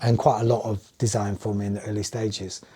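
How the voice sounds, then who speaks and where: Speaking a little fast in a husky, lowish voice, a middle-aged man from England appears as a podcast guest. He is a music producer with an English accent who brings his stories to life by performing the quoted dialogue in casual conversation.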